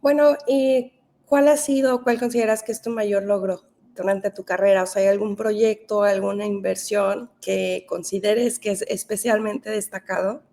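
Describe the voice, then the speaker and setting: A woman's voice: medium pitch, steady tone, normal speed, vocal fry, mellow. A woman hosting an interview, greeting her guest and asking questions in a friendly way with short affirmations. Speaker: interview host. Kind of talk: hosted interview.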